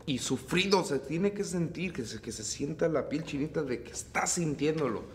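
A man with a Mexican accent, a mariachi singer teaching vocal technique in an unhurried, relaxed way. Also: on the high side. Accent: Mexican Spanish. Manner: unhurried, explains phrasing, breaks into singing. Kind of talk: relaxed vocal tutorial with sung demonstrations.

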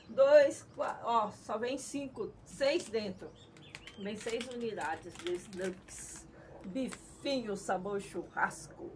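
A middle-aged Brazilian woman with a mid-range, darkish voice speaks slowly while hosting a pet product review vlog. She's playful and cutesy, sprinkling in Japanese catchphrases, on a small tiled outdoor patio or yard with clear outdoor ambience in the background.

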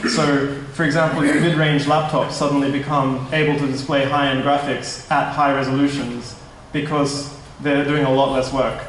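At a conference meetup in a large, echoey indoor hall, a young tech startup presenter talks at a moderate pace, barely pausing, in a medium-pitched, level and fairly bright voice. He's casual, slightly nervous, and self-correcting. A distant stand mic records him with slight background noise.

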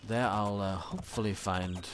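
A man's voice: fairly low pitch, steady tone, normal speed, background noise. A man casually commenting on his own gameplay in a let's play, muttering and laid-back, now and then swearing.

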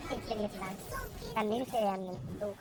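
A gamer with a pitched-up helium voice effect, giving casual, cocky, crude gameplay commentary with slang and swearing. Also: steady tone, a little fast, over music. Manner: cocky, crude, mock-tutorial. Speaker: gaming video creator commentating own gameplay.

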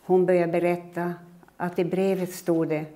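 A woman in her eighties, originally from Finland, giving a lecture in which she recounts her own life in a measured, reflective way. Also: fairly low pitch, flat delivery, mellow. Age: 80s. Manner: measured, reflective storytelling that acts out her own remembered words. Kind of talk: personal storytelling lecture.

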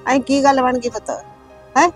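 An actress playing an older village aunt who questions and consoles the family. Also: female voice, sits high, little pitch movement, moderate pace, soft background music, close to an everyday voice, poor audio. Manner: sympathetic, asks questions, calls others son.

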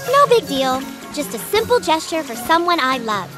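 Picture a spoiled teenage girl dog from a cartoon, talking in a very high, shrill voice that leaps all over the place. She is bossy, sarcastic and theatrical. Cartoon music plays loudly underneath. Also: sing-song, normal speed.

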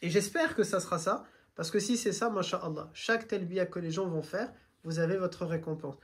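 A man guiding a group on a train, explaining in a lively, teacherly way and asking them questions. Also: high voice, normal speed. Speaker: religious guide. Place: train carriage.

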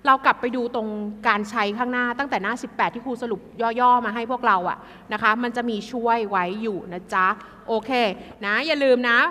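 A woman tutoring an exam class in a lively, chatty way, addressing students like kids. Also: fairly high pitch, brisk, long reverb tail.

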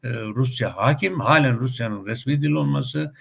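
A middle-aged man talks through his commentary in a gravelly, husky voice. He chats along with frequent hesitation sounds and now and then climbs into emphatic, rising outbursts. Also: mid-range voice, normal speed. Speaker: commentator on a web TV channel. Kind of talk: casual spoken commentary with anecdotes.

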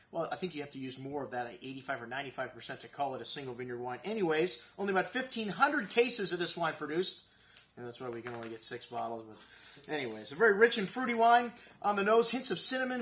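In an indoor wine shop lined with shelves, a man in his forties reviews wines on camera. His high voice is a bit bright, and he chats casually with lots of fillers while going through tasting notes.

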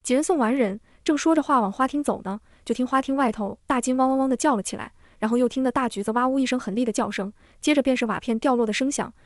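A woman narrating a historical audio comic in a brisk storytelling manner. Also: on the high side, no echo, clean studio sound.

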